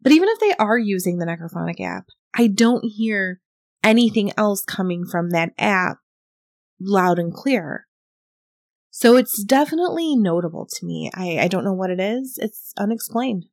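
A woman's voice: medium pitch, lively intonation, normal speed, dry recording, studio quality. A woman hosting a casual talk about a paranormal investigation, thoughtful and explanatory, often hedging. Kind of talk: casual podcast chat reviewing audio.

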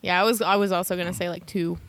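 A woman's voice: on the low side, fairly even intonation, fast, background noise. A woman co-hosting a casual podcast chat, chatty and full of "like", laughing easily. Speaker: podcast co-host.

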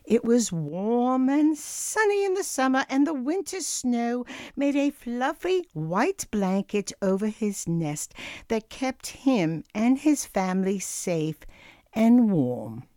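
A woman narrating a children's storybook as a story-time host, with deliberate, expressive delivery addressed to young listeners. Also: fairly high pitch, dry recording, studio quality.

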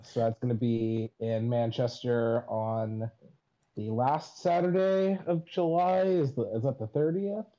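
Mellow hesitant man, lo-fi sound. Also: mid-range voice, fairly even intonation, measured pace. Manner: hesitant, self-deprecating, apologetic. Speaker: podcast guest. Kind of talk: casual chat. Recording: dull lo-fi sound.

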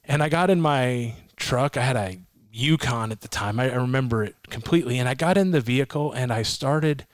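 A man's voice: mid-range voice, brisk, no echo. Middle-aged man telling his story, dry sound. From Massachusetts, raised in Florida. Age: 40s. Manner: earnest storytelling with restarts and self-quotes. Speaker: guest, ministry leader. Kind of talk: personal testimony in an interview. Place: a home.

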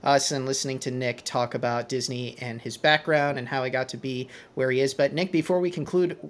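A man's voice: mid-range voice, steady tone, brisk. Chatty male podcast host. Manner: rambling, repeats words and restarts. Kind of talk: casual podcast chat.

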